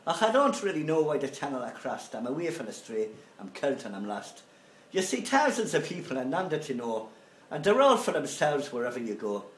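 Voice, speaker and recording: A man's voice: mid-range voice, very animated, normal speed, reverberant, pitched above the performer's own voice, natural voice. A man voicing a homesick, lazy Irish man reciting song lyrics in a put-on Irish accent that drifts toward Scottish, in a sing-song manner. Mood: wistful.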